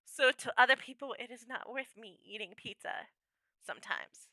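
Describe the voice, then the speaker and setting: A woman's voice: a little high, moderate pace, bright, forceful tone, no room sound, studio quality. A young adult woman chatting casually with viewers on her livestream, playful and laughing often.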